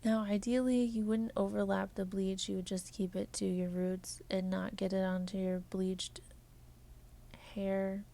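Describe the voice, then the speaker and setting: Soft-spoken woman narrating a hair tutorial. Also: medium pitch, creaky. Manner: soft, half-whispered instructional delivery; flat and measured at first, then quicker and chattier. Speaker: beauty vlogger.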